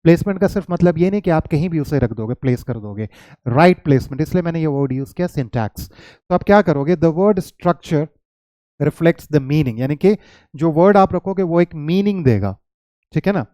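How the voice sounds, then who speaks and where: A man teaching English spelling to children, mixing Hindi and English and slowly reading out English phrases. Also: a little high, expressive, dark tone, no room sound. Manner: patient, repeats points, reads out English phrases slowly. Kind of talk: explaining a lesson to children in a mix of Hindi and English.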